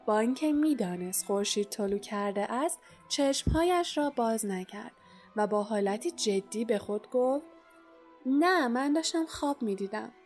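A woman narrating a children's story in a measured, expressive audiobook style. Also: fairly high pitch.

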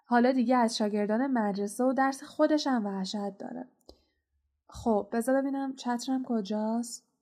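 Woman reading a big friendly giant guy, hearty and chatty, a bit higher than her plain voice. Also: mellow, close to an everyday voice. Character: big friendly male half-giant groundskeeper.

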